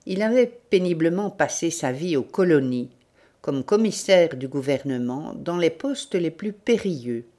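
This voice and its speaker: A woman reads a novel aloud in a low voice, setting a slow and even pace. Her narration is measured and steady throughout.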